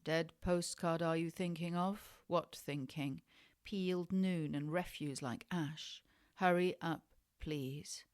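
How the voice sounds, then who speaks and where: Woman, experimental literary reading, very slow pace, deliberate, repetitive incantatory delivery. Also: sits low, steady tone, smooth. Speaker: reader. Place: indoors in Tangier.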